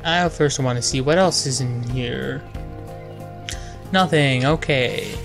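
A woman commenting deadpan and jokingly on a video game as she plays. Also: extremely low pitch, takes it slowly, creaky, over music. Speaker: gaming YouTuber. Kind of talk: let's play commentary.

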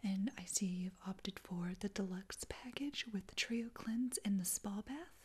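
A young woman in a whispered role-play as an attentive, reassuring spa attendant, speaking softly and close up. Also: medium pitch, a little slow, husky. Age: young adult. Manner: soft-spoken, attentive, reassuring customer-service talk. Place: small dim indoor room.

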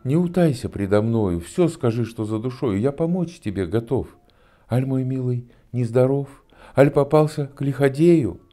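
A man in his sixties voicing a small, wise humpbacked horse who speaks softly and comfortingly. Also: mid-range voice, lively intonation, normal speed, soft background music, voice pushed up, natural voice. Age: 60s. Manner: soft, comforting.

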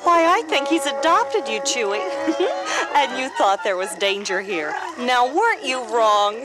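A young rebel princess in a storybook adventure. She is confident, informal and teasing, with a high, animated voice over loud music. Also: low-quality recording. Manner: brisk, informal.

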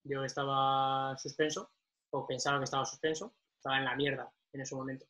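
A young man chats casually and emotionally, breaking into laughter as he tells his story. His pitch sits in the middle for a man. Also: little pitch movement, brisk, sharp tone. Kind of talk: casual chat.

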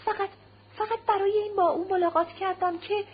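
A woman's voice: high-pitched, pitched above the performer's own voice, close to an everyday voice. A woman reading an audiobook, voicing a distraught, proud young aristocratic wife who stammers and cries out, in a slightly muffled recording with a faint hum. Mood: stammering. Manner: agitated, stammering, crying out.

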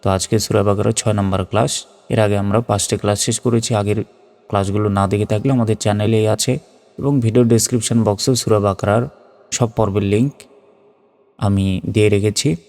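A man teaching Quran reading, spelling out letters and vowel marks one by one and then chanting each word slowly. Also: on the low side, steady tone, darkish tone, big-room sound, soft background music. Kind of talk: step-by-step recitation lesson.

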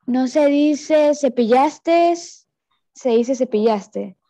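A woman's voice: on the high side, very slow, warm tone. A teenage girl, a student answering hesitantly in an online class. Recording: dull lo-fi call audio.

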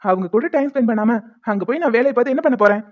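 A woman's voice: a little high, expressive, no room sound, lo-fi sound, lightly acted. A woman voicing a loving young father in a cartoon, tender with his child and firm with others. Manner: tender, firm, fast-talking. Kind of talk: cartoon voice acting.

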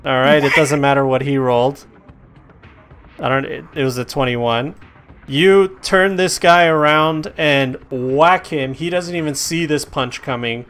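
A man running a tabletop game as game master, narrating the action and calling for rolls in a casual, animated way. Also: fairly high pitch, soft background music. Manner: casual, animated narration with quick rules calls.

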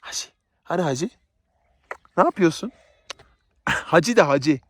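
Playful male village vlogger from Southeast Turkey, slightly high voice, dry close sound. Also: animated, takes it slowly, dry recording. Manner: playful, teasing, chatty. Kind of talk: casual vlog chat. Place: outdoors in a rural village with livestock.

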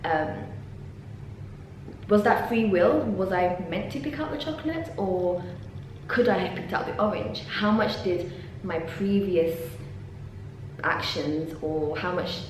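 With a lowish voice, a slow pace and long pauses, this young woman from London still comes across chatty and animated, laughing and umming often. She's a PhD student doing a casual vlog to camera in a university office lab indoors. A desk camera gives way to handheld selfie footage, and the room echoes heavily over a faint hum.

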